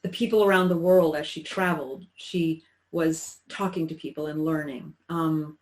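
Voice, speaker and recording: A woman in her sixties recalling her childhood in an interview, talking in a halting, reflective way with many restarts. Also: sits low, steady tone, darkish tone, low-quality recording. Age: 60s. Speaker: interview guest. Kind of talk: personal recollection in conversation.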